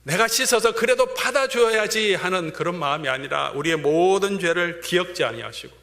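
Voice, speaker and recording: Pastor guy preaching, kinda high bright voice, goes loud then drops to whispers, big church echo. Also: expressive, normal speed, creaky. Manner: swings between fervent raised emphasis and hushed whispers. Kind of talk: sermon. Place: church sanctuary. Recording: long church-hall reverb.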